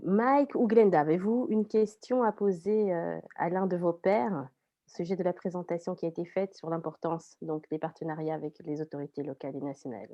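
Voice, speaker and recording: Female panel moderator, dark soft timbre on the lower side, careful questions, muffled online audio. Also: fairly even intonation, quick pace. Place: online video call.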